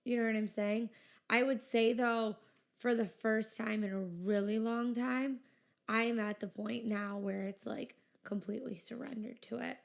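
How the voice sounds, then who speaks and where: Chatting as a guest on a podcast, this woman in her twenties, who runs a business, fills her casual interview talk with "like" and "you know." She speaks at a moderate pace in a steady, somewhat high voice with vocal fry.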